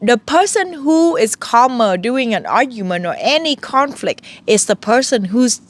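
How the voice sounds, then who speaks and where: A woman in her thirties talks through spiritual advice in a casual, earnest monologue. Her voice sits a little high and she speaks straight to the listener as if coaching them. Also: expressive, normal speed.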